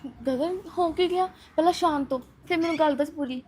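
A woman's voice: sits high, moderate pace, slight background noise, natural voice. A woman playing a soothing young college girl. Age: young adult. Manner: soothing, coaxing. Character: caring young woman, calm and persuasive. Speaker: college student. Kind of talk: film acting.

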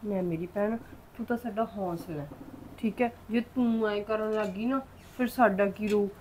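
A woman with a Punjabi accent playing a gentle daughter-in-law who soothes and pleads. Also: mid-range voice, normal speed, slight background noise, lightly acted. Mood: soothing.

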